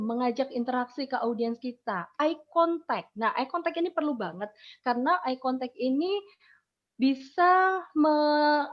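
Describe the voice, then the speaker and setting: Lively woman teaching public speaking over a call. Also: a little high, highs cut off. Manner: lively, varied intonation with playful asides. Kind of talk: webinar talk on public speaking. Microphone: video call.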